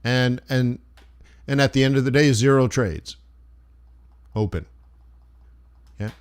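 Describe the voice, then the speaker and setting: A man's voice: mid-range voice, slow, clean tone. A man hosting a live trading stream, chatting casually with viewers in a rambling, loose and friendly way. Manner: rambling, loose and chummy, many restarts. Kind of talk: casual livestream chat answering viewers.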